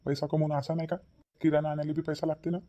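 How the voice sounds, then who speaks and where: Someone doing a anxious cartoon son, fast and mellow sounding. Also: medium pitch, flat delivery, lo-fi sound, natural voice. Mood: scolding. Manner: anxious, questioning. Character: worried grown son and husband.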